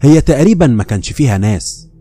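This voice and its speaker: A man with an Egyptian accent telling a first-person horror story, acting out the dialogue in a lively way. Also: medium pitch, quick pace, faint music behind. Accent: Egyptian Arabic. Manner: lively, quoting dialogue back and forth.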